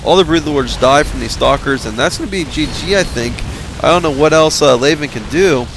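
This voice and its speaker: A man giving casual commentary on a strategy game replay, tired and halting, with many fillers. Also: fairly high pitch, background noise. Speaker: game caster.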